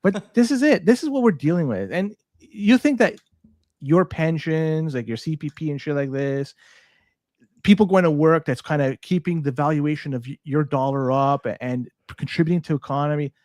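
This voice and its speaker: A man's voice: fairly high pitch, moderate pace, a little mellow, no echo, studio quality. A man from Toronto co-hosting a podcast, chatting casually in an exasperated, swearing way. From Toronto, Canada. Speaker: podcast co-host.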